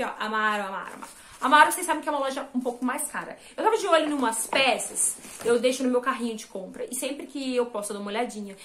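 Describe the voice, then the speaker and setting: A chatty woman in her thirties from Brazil, talking through a clothing haul in a fairly high voice. She sounds lively and friendly, recorded on a camera close by in a small bright room at home. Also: slight background noise. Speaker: fashion vlogger. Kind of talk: casual shopping haul chat. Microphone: camera at a short distance, then phone held at a mirror.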